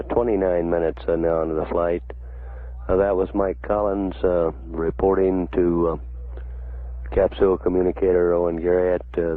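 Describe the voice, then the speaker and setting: A man with a low, monotone voice announces a spaceflight from mission control. His delivery is official, measured and halting. The sound is a narrow, dry 1960s radio feed. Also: no echo. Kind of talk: live spaceflight commentary.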